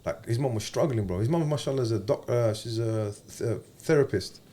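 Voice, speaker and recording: A man's voice: medium pitch, brisk, dark tone. A man with an urban London roadman accent talking casually as a podcast host, using street slang and often checking that he is understood.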